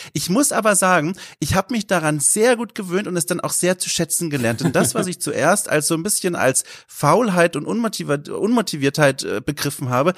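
A man's voice: a little high, no echo, clean studio sound. A man, co-hosting a podcast in a casual discussion, talking in a thoughtful, earnest and articulate way.

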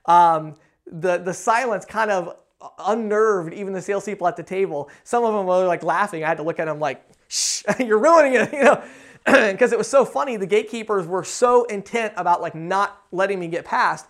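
A man's voice: sits high, brisk. A man giving a casual sales training talk, conversational and often checking in with "okay?" and "right?".

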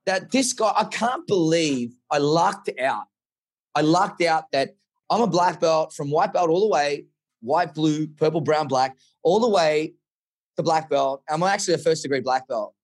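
Excitable Australian man, husky voice. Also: a little high. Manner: excitable, swears, animated storytelling. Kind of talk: casual podcast conversation.

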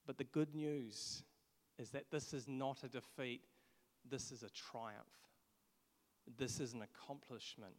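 A man from England delivering a sermon in an earnest, conversational way, often restarting his sentences. His voice sits at an ordinary pitch for a man. It carries a long reverb, as if recorded in a large church hall. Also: steady tone, measured pace. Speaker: preacher.

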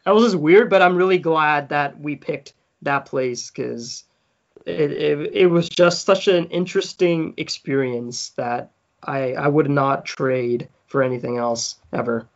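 Through a muffled recording, a fairly high-pitched man speaks at a measured pace. He's a South African-born podcast guest in his thirties whose casual storytelling is full of laughter and impressions of the people he quotes.

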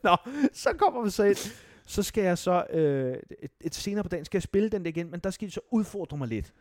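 A young man from Denmark telling stories in a casual chat, animated, swearing and mocking himself. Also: high-pitched, no room sound, clean studio sound. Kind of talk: casual podcast storytelling.

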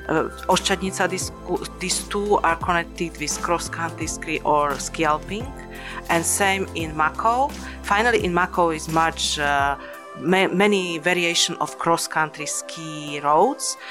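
Low-pitched woman, hesitant guest, faint music behind. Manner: non-native phrasing, hesitant. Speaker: local guest. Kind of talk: podcast interview.

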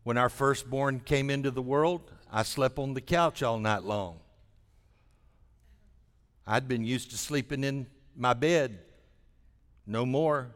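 A man's voice: mid-range voice, slow, long pauses, a bit bright. A man preaching a sermon as a pastor, in a folksy way, repeating phrases for emphasis. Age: 60s. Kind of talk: sermon to a congregation. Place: large church hall during a service. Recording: long hall reverb.

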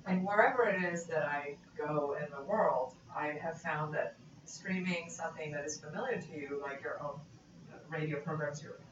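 A woman's voice: low voice, normal speed. A woman from Italy, a guest in a casual conversation, talking thoughtfully and often trailing off mid-sentence. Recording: distant mic in echoey room, dull and noisy.

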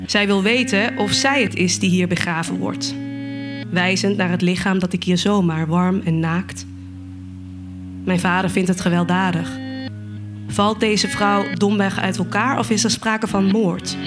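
A woman reciting spoken word poetry in a slow, measured way. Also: medium pitch, steady tone, over music.

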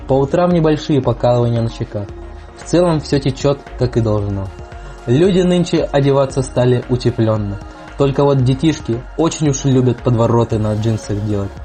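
A man's voice: medium pitch, normal speed, mellow. A young man giving a humorous, anecdotal weather report in a wry way, with music behind. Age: young adult. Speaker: weather correspondent. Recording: music playing under the voice. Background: background music.

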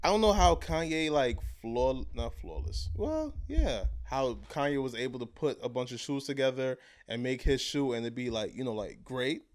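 A man's voice: medium pitch, big pitch swings, normal speed, few pauses. A man co-hosting a podcast, chatting casually and hesitantly, searching for his words.

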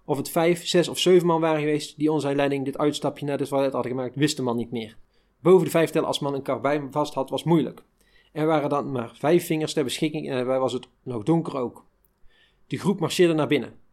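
A man reading a first-person wartime memoir aloud in a measured, unhurried way. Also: medium pitch, darkish tone. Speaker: reader of a memoir.

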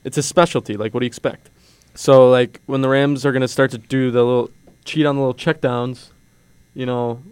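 A man's voice: medium pitch, fairly even intonation, fairly quick, darkish tone, clean tone, dry recording. Young man rambling over a mains hum. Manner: rambling, laughs through his takes. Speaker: sports radio co-host. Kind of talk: casual sports banter.

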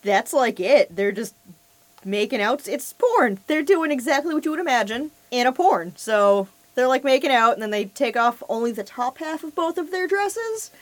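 A woman's voice: high-pitched, expressive, no room sound. Wry woman podcaster, close dry mic. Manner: wry, chatty, quick asides. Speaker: podcast co-host. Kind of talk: casual podcast chat reviewing a film.

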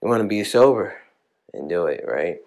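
A young man talking in a slow, reflective, slangy way. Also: low voice, sing-song, creaky, heavy background noise. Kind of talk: casual musing chat. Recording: loud music behind.

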